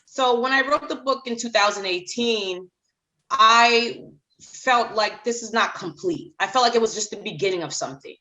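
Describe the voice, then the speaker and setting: A woman's voice: fairly high pitch, normal speed, bright, forceful tone, poor audio. A middle-aged woman from Haiti, a children's author talking as a guest in a podcast interview, emphatic and repeating phrases for emphasis.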